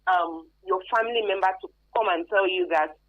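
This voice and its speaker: This Nigerian-accented woman is a guest expert on human trafficking in a radio interview, explaining things emphatically and conversationally with local Pidgin tags. Her medium-pitched voice is brisk and creaky with big swings in pitch. The sound is thin, phone-like and band-limited, with no room sound.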